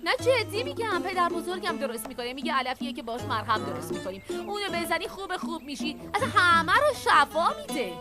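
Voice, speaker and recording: A woman dubbing a cheeky, stubborn young village woman in a TV drama, teasing and quick with comebacks. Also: extremely high pitch, big pitch swings, loud music behind the voice. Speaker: village girl. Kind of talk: dubbed TV drama. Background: background score.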